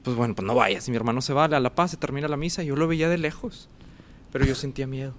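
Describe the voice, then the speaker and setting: A man's voice: medium pitch, quick pace. A man, casually telling a personal story as a guest and acting out the dialogue and sounds. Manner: animated, acts out dialogue and sounds.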